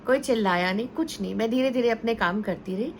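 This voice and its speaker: A woman's voice: on the high side, quick pace, a little hiss or hum. A woman teacher giving conversational parenting advice, telling stories and mixing English words into her Hindi. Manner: storytelling with acted quotes.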